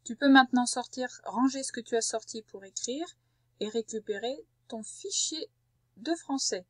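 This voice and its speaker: Teacher woman dictating syllables slowly. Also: on the high side, no room sound. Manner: slow, carefully articulated syllables with gentle instructions. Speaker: primary school teacher. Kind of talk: recorded spelling dictation lesson for a young child.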